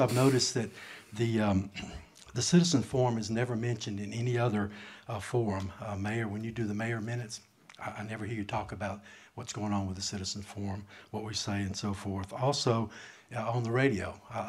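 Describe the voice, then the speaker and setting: A man making a public comment, speaking slowly and haltingly. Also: fairly low pitch, fairly even intonation, husky. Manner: slow, halting speech. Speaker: citizen speaking at public forum. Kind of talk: public comment from handwritten notes. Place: council meeting room.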